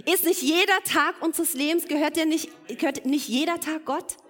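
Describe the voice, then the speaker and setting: A woman's voice: high-pitched, normal speed. A woman preaching a sermon to her congregation, earnest and building to emphatic exhortation. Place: church hall. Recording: long reverb of a church hall.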